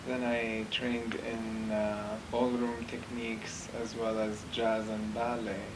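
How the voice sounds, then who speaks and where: A man answers interview questions in a measured, thoughtful way, pausing often with fillers. His delivery stays flat and even. He is recorded from a distance, with steady noise behind him. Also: fairly low pitch. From Iraq. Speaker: dancer, choreographer. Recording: distant mic with clear background noise.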